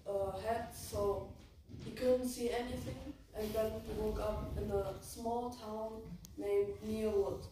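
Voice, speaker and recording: A woman's voice: medium pitch, steady tone, slow. A young teenage female pupil hesitantly reciting a story at school. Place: school room. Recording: echoey room, distant mic, noisy.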